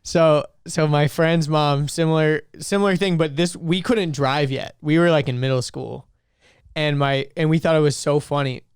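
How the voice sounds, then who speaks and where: A young man co-hosting a podcast, chatting casually with quick reactions and a rambling story. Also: on the high side, steady tone, smooth, dry recording, clean studio sound. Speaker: podcast co-host. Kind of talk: casual chat.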